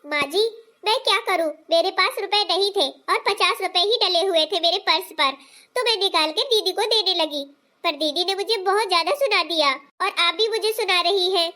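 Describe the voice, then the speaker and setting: A woman's voice: extremely high pitch, normal speed, sharp tone. A woman doing a meek young daughter-in-law. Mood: hurt, defensive. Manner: plaintive, defensive. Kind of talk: cartoon family story voice acting.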